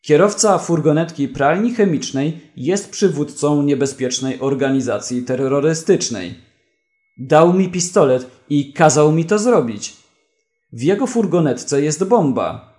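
A brash prisoner bellows his accusations with excited, loud insistence, as a man reads him in a story. His voice sits fairly high and swings widely in pitch. The delivery stays slow and deliberate despite the shouting. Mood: insistent.

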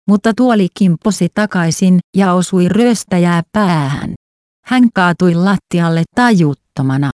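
Woman narrator, lowish voice, steady storybook reading, dry close sound. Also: no room sound.

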